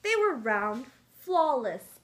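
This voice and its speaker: A woman's voice: high-pitched, very animated, slow pace. A woman reading a picture book aloud to young children, coaxing them along with simple questions. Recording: clearly noisy room.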